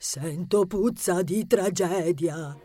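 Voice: mid-range voice, takes it slowly, mellow, no echo. An actor doing a jittery know-it-all teen boy. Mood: nervous. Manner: stammering, fussy. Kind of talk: audiobook character acting.

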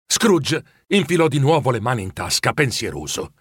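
A man reading a storybook aloud in an expressive, animated way. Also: medium pitch, moderate pace, husky, no room sound, clean studio sound. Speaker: narrator. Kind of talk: storybook narration.

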